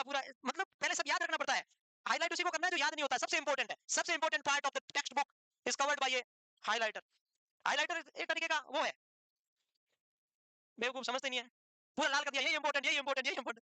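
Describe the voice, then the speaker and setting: A woman's voice: high voice, bright, forceful tone, no echo, poor audio. A woman teaching a classroom lecture for nursing exam prep. She quizzes students, answers her own questions and scolds them with teasing banter.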